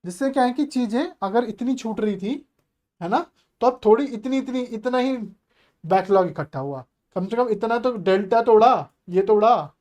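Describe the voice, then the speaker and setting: A man's voice: high-pitched, normal speed, darkish tone. A male maths teacher giving an online exam-prep lecture, chatty and coaxing, asking the class rhetorical questions and mixing English terms into his explanations.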